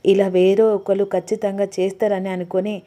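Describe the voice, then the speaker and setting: Woman voicing anxious young girl in love, hesitant, pleading, mellow. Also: mid-range voice, level tone, brisk, lightly acted. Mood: worried. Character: young woman torn between love and duty.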